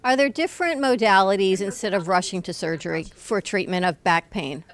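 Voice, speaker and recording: A woman hosting a radio interview, asking questions in a friendly, brisk way. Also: medium pitch. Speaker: radio host.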